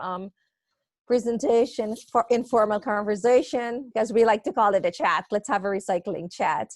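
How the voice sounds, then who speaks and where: A woman's voice: fairly high pitch, no room sound. A middle-aged woman from Guyana, a guest talking about recycling in a friendly, chatty way on a live video call.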